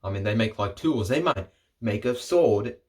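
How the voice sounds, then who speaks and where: Rambling young man with a low voice. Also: animated, moderate pace. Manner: rambling, jokey, self-interrupting. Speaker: vlogger. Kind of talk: casual solo commentary.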